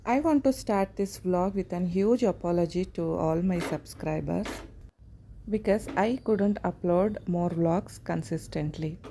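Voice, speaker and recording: A woman in her thirties with a South Indian accent, narrating a casual home vlog in plain everyday phrasing with hesitant pauses. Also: on the low side, warm tone. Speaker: home vlogger.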